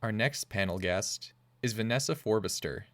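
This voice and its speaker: Measured man introducing the panel, dry voice. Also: on the low side, fairly bright tone, dry recording. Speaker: podcast host. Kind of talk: scripted narration and interview questions.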